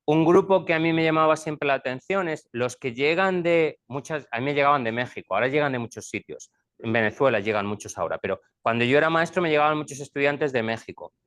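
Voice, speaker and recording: A man's voice: medium pitch, lively intonation, fast, fairly bright tone, smooth. A middle-aged man, a school leader, explaining things to parents and repeating his points in two languages. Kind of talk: bilingual presentation to parents.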